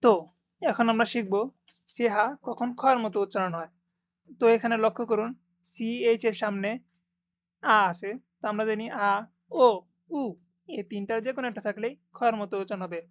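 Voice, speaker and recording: A woman teaching a pronunciation lesson, saying each word slowly and repeating it for learners to copy. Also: fairly high pitch, dry recording. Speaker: German language teacher. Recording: dull lo-fi sound, dry.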